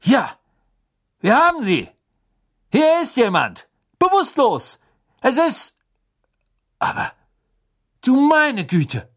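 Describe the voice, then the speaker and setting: A man voicing a gruff middle-aged wizard who shouts excitedly. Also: a little high, fairly quick, pitched above the performer's own voice. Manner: loud, raised and excited.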